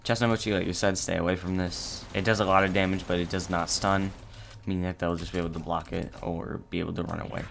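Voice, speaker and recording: A young man narrating a casual gameplay tutorial, halting and low-key with many fillers. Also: level tone, vocal fry, fairly bright tone, slight background noise. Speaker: gaming channel host.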